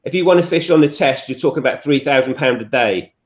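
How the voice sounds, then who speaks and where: A man from Scotland with a London, Estuary-style accent, chatting casually and explaining things in a halting, self-correcting way. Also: mid-range voice. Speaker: live streamer. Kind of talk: casual chat. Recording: dull lo-fi live-stream audio.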